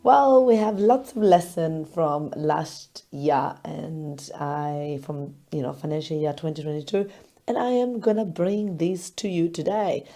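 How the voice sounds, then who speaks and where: A business podcast host, hoarse as she recovers her lost voice, talks to listeners in a loose, casual solo monologue. Her very low, crackly voice is dark and mellow and a little slow, and she's chatty and expressive, laughing often between thoughts and retelling stories with animation.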